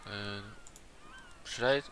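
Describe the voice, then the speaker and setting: Low-voiced man muttering game plans over noise. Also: drawn-out words. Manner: muttering his plans aloud as he plays. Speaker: strategy game player. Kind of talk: casual let's-play commentary.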